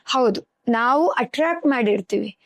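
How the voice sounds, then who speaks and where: A woman's voice: fairly high pitch, animated, unhurried, dry recording. A woman guest on a podcast, a life coach who explains earnestly with everyday examples. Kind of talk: podcast interview.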